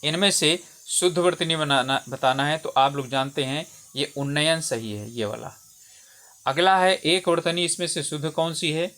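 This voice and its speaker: A man's voice: on the high side, moderate pace, pushed and bright. A man working as a Hindi exam tutor, taking listeners through spelling questions one by one, repeating each word and often checking in with "theek hai". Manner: explains step by step, repeats words and says "theek hai" often.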